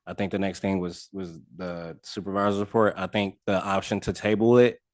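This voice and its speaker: A deep-voiced man speaks as a board member in a formal meeting. He is polite and deferential about procedure, and the sound is dry. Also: level tone, moderate pace, no echo.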